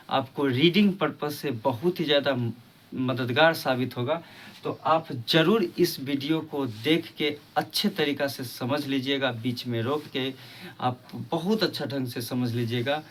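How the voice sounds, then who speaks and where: A man's voice: a little high, unhurried, recorded from a distance, a little hiss or hum. A man teaching English pronunciation rules on his video channel, patiently repeating each example and asking rhetorical questions. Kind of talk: explaining a lesson on his channel.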